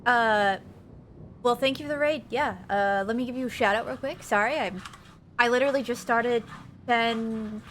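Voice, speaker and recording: A woman's voice: on the high side, moderate pace, fairly bright tone, slight background noise. A woman livestreamer chatting casually over a video game, greeting viewers in a cute, bubbly way. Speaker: live streamer.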